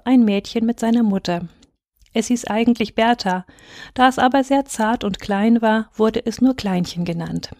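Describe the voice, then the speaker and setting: A woman reading a fairy tale aloud in calm, measured scripted narration. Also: on the high side, no room sound, clean studio sound. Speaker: reader.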